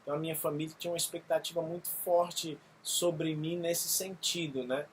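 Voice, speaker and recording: 30s pastor, earnest and halting, lots of ums, slight background hiss. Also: male voice, on the high side, little pitch movement. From Brazil. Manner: earnest, halting with frequent fillers. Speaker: missionary pastor. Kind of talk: testimony video.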